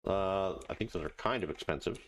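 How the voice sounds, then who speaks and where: A man giving casual let's play commentary, muttering halting asides to himself and reading on-screen text aloud. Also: sits low, slight background noise. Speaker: gaming video host.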